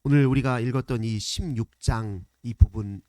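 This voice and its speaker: A man's voice: medium pitch, moderate pace, warm tone, no echo. A male pastor giving a family worship sermon in a conversational, explanatory way, now and then acting out the quoted speakers.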